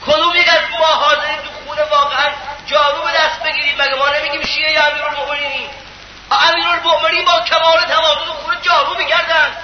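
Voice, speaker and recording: A man's voice: extremely high pitch, flat delivery. A man giving an emphatic sermon, asking his listeners rhetorical questions. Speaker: preacher. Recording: echoey, dull lo-fi sound with clear background noise.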